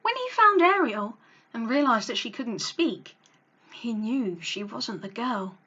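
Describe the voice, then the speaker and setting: Hosting a read-along on her channel, a woman storyteller tells a children's tale in a fairly high, very lively voice with a breathy edge. Her dramatic, expressive delivery is aimed at young listeners and keeps a measured pace. The sound is slightly dull and lo-fi.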